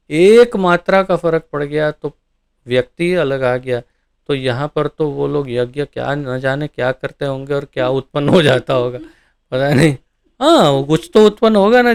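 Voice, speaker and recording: Slow, clear-voiced Hindi preacher. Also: male voice, fairly high pitch. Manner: animated, rhetorical questions to audience. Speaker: ISKCON preacher. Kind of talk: devotional scripture class.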